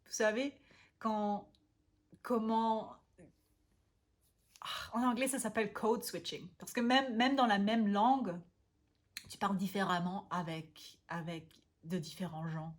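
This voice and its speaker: A woman from Austria, talking casually to camera as a language vlogger, often pausing to search for words and restarting. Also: medium pitch, fairly even intonation. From Austria (Vienna). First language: German.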